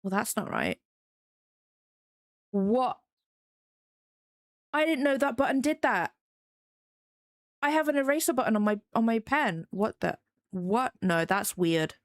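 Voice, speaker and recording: On the high side with lively intonation, this young English woman speaks unhurriedly and pauses often. She has a faint Midlands accent and chats with her live-stream chat as she draws, wandering off-topic and joking at her own expense. Her recording is clean studio audio with no room sound.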